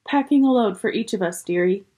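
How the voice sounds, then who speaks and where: A woman's voice: medium pitch, brisk, warm tone, lightly acted. A woman voicing a bustling, motherly beaver wife. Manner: bustling and homely. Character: fussy motherly female beaver.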